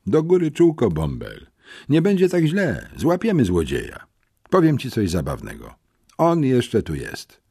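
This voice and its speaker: A man voicing a confident teenage boy detective who calmly reasons things out in a storybook. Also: mid-range voice, measured pace, breathy edge, pitched above the performer's own voice, exaggerated voice. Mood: reasoning. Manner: calm, deductive, reassuring.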